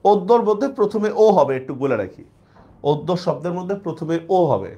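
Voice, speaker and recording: A man's voice: on the high side, very animated, brisk, warm tone, muffled recording. A man teaching an online class, repeating points and checking that students follow.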